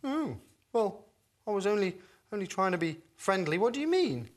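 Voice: medium pitch, big pitch swings, moderate pace, lightly acted. Someone voicing a goofy puppet guy, swoopy all over the place, desperate to be liked. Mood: eager. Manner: bouncy, goofy, swooping voice put-ons. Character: silly cheerful adult man, eager to be liked. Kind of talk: kids' puppet show acting.

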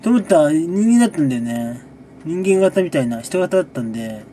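Guy rambling thru a monthly gaming recap, kinda high but warm voice, chuckles a lot, faint hiss behind. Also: fairly quick. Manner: relaxed rambling asides with frequent chuckles; talks while sipping a drink. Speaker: gaming video creator. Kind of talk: casual monthly recap chat.

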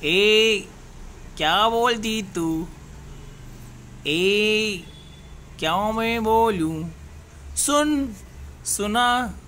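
A man's voice: high-pitched, pushed and bright, slight background noise. A man talking playfully to his baby daughter, cooing in sing-song, lisping baby talk.

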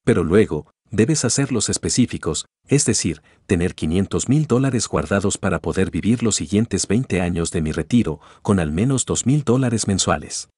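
A man reading a scripted voice-over in a calm, instructive manner, addressing the listener directly with advice. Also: low-pitched, normal speed, few pauses, breathy edge, dry recording, clean studio sound. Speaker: narrator. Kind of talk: scripted narration.

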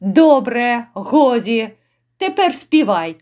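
A woman's voice: fairly high pitch, sing-song, slow. A woman voicing rowdy, brutal drunken noblemen who jeer and bark orders. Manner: gruff, jeering shouts.

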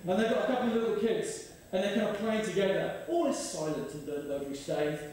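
Pastor preaching in an echoey hall. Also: male voice, sits high, fast, far from the mic. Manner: animated storytelling with self-deprecating humour. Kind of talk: sermon. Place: large church hall.

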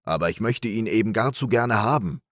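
A man voicing a gullible, boastful middle-aged farmer in an audiobook fairy tale, gruff and eager. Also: fairly low pitch, lively intonation, a little fast, no echo, studio quality, lightly acted.

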